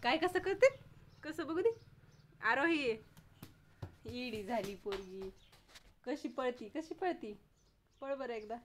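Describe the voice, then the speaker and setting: A woman's voice: high-pitched, expressive, slow pace, long pauses, slight background noise. Woman coaxing a toddler with questions. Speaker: family member filming a toddler. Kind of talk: casual chat with a small child.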